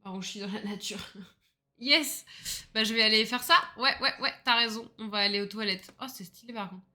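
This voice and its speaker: Bright-voiced rambling woman streamer. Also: medium pitch, normal speed. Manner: rambling and self-mocking, laughs often, swears casually. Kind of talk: casual gaming livestream chat.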